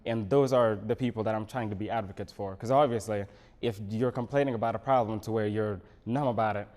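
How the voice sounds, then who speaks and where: A man from Senegal, a city council candidate, answering questions in a local TV studio interview with measured, pause-filled speech. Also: fairly low pitch, steady tone, a little mellow.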